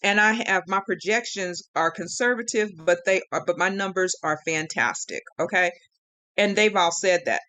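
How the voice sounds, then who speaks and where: A woman's voice: on the low side, moderate pace, pushed and bright. A woman ranting on a live stream, frustrated and close to tears, rambling with many restarts. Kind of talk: emotional live-stream rant.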